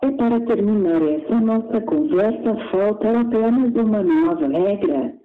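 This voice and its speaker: A man voicing a patient, know-it-all male tutor in a cartoon skit, explaining calmly and methodically. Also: high-pitched, unhurried. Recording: tinny phone-like sound with faint hiss.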